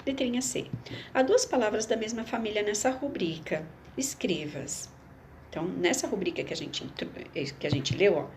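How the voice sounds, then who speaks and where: A woman teacher with a medium-pitched voice reads a schoolbook aloud to young children and explains it patiently, going slowly and repeating words for them. There is a little hiss or hum in the audio.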